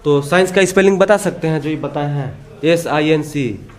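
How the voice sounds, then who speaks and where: High-voiced male field reporter. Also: moderate pace. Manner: informal, prodding, calls students friend. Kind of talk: on-the-spot interview reporting. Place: school classroom.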